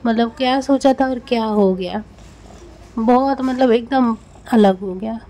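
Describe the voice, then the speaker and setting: A woman's voice: a little high, unhurried, warm tone, slight background noise. A woman, vlogging a train journey in an emotional, repetitive way. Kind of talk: casual travel vlog narration.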